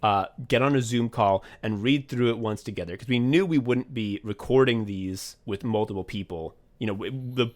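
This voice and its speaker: Reflecting on the audio drama he wrote and directed, a podcast co-host speaks at a fairly low pitch. His talk is rambling and casual, peppered with swearing and "like," and broken by quick excited bursts.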